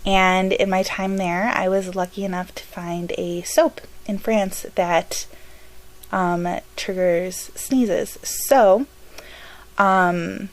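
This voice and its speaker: A woman's voice: medium pitch, fairly even intonation, slow pace, low-quality recording. A woman vlogger talking casually to her viewers, speaking to them directly. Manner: chatty, addresses viewers directly. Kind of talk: casual talk to camera.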